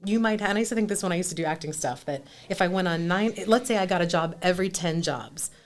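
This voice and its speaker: A woman in her forties, a restaurant owner guesting on a podcast, talking in an animated, candid, self-deprecating way with frequent restarts. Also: lowish voice, fast. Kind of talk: conversational interview.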